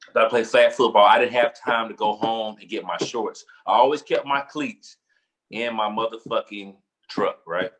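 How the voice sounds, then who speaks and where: Animated man telling a story. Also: lowish voice, poor audio. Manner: animated, repeats phrases, laughs while telling. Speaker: podcast co-host. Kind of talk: casual storytelling chat.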